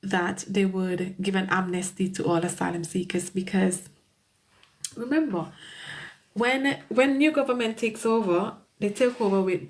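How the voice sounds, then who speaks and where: A woman's voice: medium pitch, fairly even intonation, unhurried. A woman with a Caribbean accent, an immigration solicitor chatting casually on a live stream, greeting viewers by name and laughing often.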